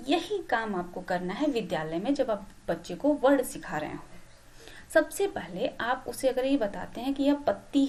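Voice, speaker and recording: High-voiced woman lecturing. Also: darkish tone. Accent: Hindi. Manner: explains slowly with many "ठीक" check-ins and fillers. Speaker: teacher-training lecturer. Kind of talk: classroom lecture.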